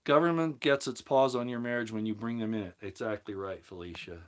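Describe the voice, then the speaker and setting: A man's voice: medium pitch, fairly quick, clear, resonant tone. Rambling man reading chat aloud. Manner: rambling, restarts mid-sentence, reads chat comments aloud. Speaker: livestream host answering chat. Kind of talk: casual livestream talk on scripture.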